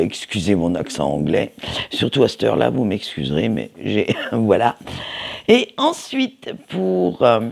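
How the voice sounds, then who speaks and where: A man's voice: medium pitch, creaky, darkish tone, slightly rough. A man giving a casual weekly tarot reading, hesitant and full of fillers and restarts. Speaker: tarot card reader.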